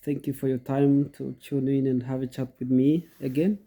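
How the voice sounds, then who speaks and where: A dark-toned, mid-range male voice at normal speed with little pitch movement comes from a middle-aged goat farmer who has a cold and sounds congested. He casually teaches his channel's viewers step by step, repeating himself often.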